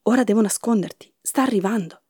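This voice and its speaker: A woman voicing a scary but kindly female giantess in a storybook tale, loud and bossy. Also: mid-range voice, brisk, husky, no echo, clean studio sound, close to an everyday voice.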